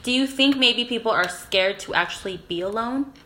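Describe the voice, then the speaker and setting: A woman's voice: fairly high pitch, moderate pace, bright, forceful tone. A young adult woman hosting a podcast, upbeat and encouraging toward her guest. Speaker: podcast host. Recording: echoey room, faint noise.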